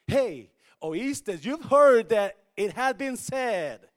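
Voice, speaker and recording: A Spanish-accented male pastor delivers a bilingual sermon very slowly, his high, lively voice rising and falling all over the place. He switches between Spanish and English mid-sentence and swings from hushed lines to full shouts.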